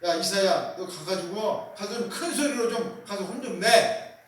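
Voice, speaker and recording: Male pastor doing God as a blunt, bossy commander, high voice, set back from the mic in a very echoey room. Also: animated, a little slow, far from the mic. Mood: urging. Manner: casual blunt orders.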